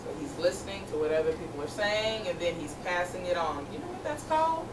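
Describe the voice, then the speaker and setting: A very animated teacher with a voice on the low side talks fast as she reads a picture book to a group of second graders. She encourages them with questions and repeats their answers back, and the room recording sounds distant, echoey, and noisy.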